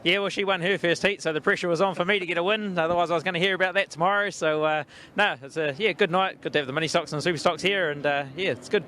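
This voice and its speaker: A man's voice: high voice, fairly even intonation, fast talker, few pauses, sharp tone. A man, a race driver giving casual interview answers outdoors. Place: outdoors in speedway pits. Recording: outdoor recording with faint vehicle noise.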